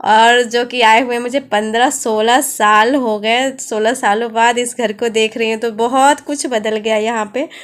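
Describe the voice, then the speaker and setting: A chatty woman in her thirties tells her family vlog straight to her viewers. Her voice sits a little high, easy and conversational throughout. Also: steady tone, a little slow, hardly any pauses, smooth. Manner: chatty, addresses viewers as guys. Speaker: vlogger. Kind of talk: casual family vlog narration.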